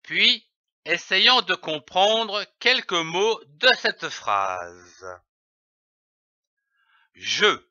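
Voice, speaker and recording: A man teaching children to read, in a slow instructional drill, deliberately spelling out each syllable letter by letter. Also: high voice, lively intonation, pushed and bright, dry recording. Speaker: reading teacher. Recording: dull lo-fi dry recording.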